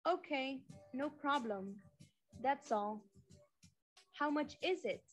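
A courteous fruit shopper from a recorded textbook dialogue, read by a woman. The voice sits high and moves at an unhurried pace. Every word is enunciated with care. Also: lively intonation, faint music behind, full character voice. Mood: polite. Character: polite adult woman shopper buying fruit.

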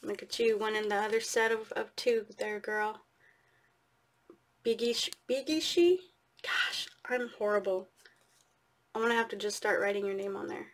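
Hosting a giveaway for her art channel, a woman chats informally from a craft table filmed by an overhead camera, calling her viewers "you guys." Her voice is mid-range at normal speed, broken up by long pauses.

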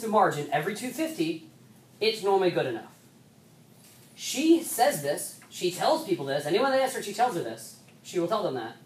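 Low-voiced woman rowing coach in an echoey room. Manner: conversational, many restarts and "so"s, brisk stretches. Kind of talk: rowing coach giving an instructional talk. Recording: echoey room, mic at a distance, faint background noise.

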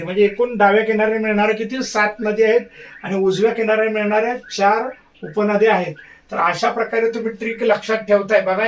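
High-voiced man teaching a lecture. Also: distant mic. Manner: repeats key points, drills mnemonics. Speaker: exam-prep teacher. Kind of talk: exam-prep lecture.

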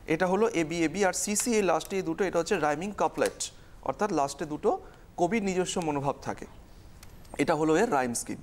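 A woman teaching a televised exam-prep lesson, explaining step by step and repeating key terms. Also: fairly low pitch.

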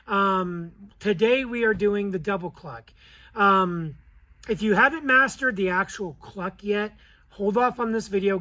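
A man's voice: high voice, sharp tone. An American man in his thirties giving a casual, informal spoken tutorial as a hunting-call instructor. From Colorado, United States. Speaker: goose-calling instructor. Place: indoors in a cluttered garage or workshop.

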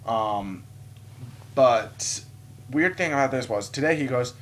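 A young man vlogging in a casual, animated way, swearing freely and breaking into loud exclamations. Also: medium pitch, slow. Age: young adult. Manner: animated storyteller, swears, jumps to loud quoted outbursts. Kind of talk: casual vlog storytelling. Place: indoors at home, seated. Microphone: phone camera.

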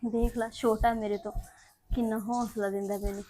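An actress playing a young woman of a poor village family, crying and talking in a soft, subdued, pleading voice. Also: on the high side, level tone, normal speed, close to an everyday voice. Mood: prayerful. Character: tearful elder sister of a poor family, self-sacrificing. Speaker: actress in a short family drama.

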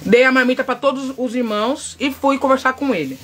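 A middle-aged Brazilian woman chatting loudly and outspokenly with her viewers, telling a story while she works. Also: high-pitched, brisk. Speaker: vlogger. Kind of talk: casual chat while painting a wig.

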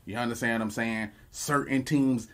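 A man's voice: mid-range voice, steady tone, normal speed. A man co-hosting a podcast, arguing bluntly and profanely in casual chat, laughing as he makes his points. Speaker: podcast co-host.

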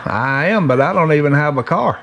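A man's voice: fairly high pitch, animated, brisk, a bit bright. A man chatting casually on phone calls, teasing the callers in a folksy way. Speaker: prankster taking telemarketer calls. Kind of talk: casual joking phone chat. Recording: faint background noise.

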